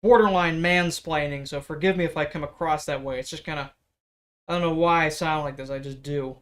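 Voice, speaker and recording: A man demonstrating leatherworking on a live stream, talking loudly in an explaining way and chatting with viewers into a microphone. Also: fairly high pitch, steady tone, brisk. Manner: loud, explaining voice. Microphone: external microphone.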